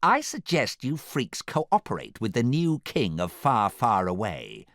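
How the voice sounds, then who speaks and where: A man's voice: medium pitch, big pitch swings, unhurried, bright, forceful tone, dry recording, clean studio sound, pitched above the performer's own voice, exaggerated voice. A man voicing a vain, gloating villain prince in a storybook, declaiming imperiously and theatrically. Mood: commanding.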